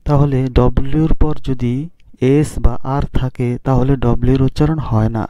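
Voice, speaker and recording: In a classroom phonics lesson, a man teaches English reading, slowly spelling words letter by letter and repeatedly asking students how to say them. His voice is mid-range, steady and dark, with no echo. The recording is dry, dull and lo-fi.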